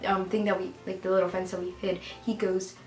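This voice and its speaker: A woman casually telling a storytime tale, animated and full of "like" fillers, getting loud when she gets excited. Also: medium pitch, fairly quick. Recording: roomy echo with faint music.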